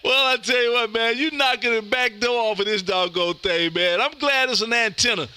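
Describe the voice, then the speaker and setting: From his home radio room, a live-streaming ham radio host makes animated contact calls, bantering with the people he reaches in a boisterous, folksy way. He speaks at normal speed in a very high, bright, forceful voice that comes across clear and resonant.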